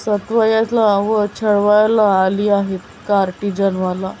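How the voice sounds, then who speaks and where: Poor loving village mother, plain homely speech, low and mellow tone, read by a woman narrator. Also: monotone, slow, slight background noise, natural voice. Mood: scolding.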